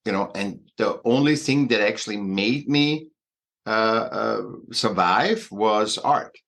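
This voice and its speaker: A man in his sixties with an Austrian accent speaks in a fairly low voice. He talks in a halting, emphatic way, stopping to restart his thoughts. His speech is full of fillers as he speaks as a guest in an interview. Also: fairly bright tone. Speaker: guest artist and educator. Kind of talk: conversational interview.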